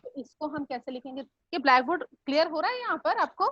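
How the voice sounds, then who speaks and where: High-voiced woman teaching a class. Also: fast talker, dry recording. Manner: repeats questions to drill students. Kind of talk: classroom grammar lesson. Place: classroom with blackboard. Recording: dull lo-fi recording with steady noise.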